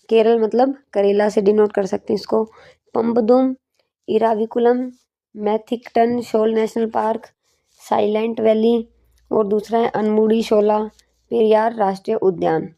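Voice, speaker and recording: A woman's voice: medium pitch, vocal fry, warm tone. A woman teacher giving an exam-prep lesson with memory tricks, asking questions and answering them herself.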